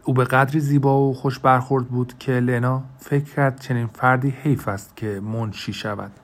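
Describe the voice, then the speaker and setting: A man reading a novel aloud as an audiobook narrator, voicing the characters' lines in everyday spoken style. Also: medium pitch. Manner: reads quoted speech of several characters in a conversational colloquial register. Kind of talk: scripted narration.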